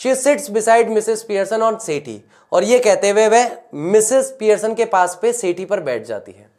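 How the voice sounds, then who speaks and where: A woman's voice: medium pitch, lively intonation, a little mellow. A woman, teaching English by reading a play's stage directions aloud and explaining each line in Hindi. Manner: reads English lines slowly, then paraphrases them in Hindi.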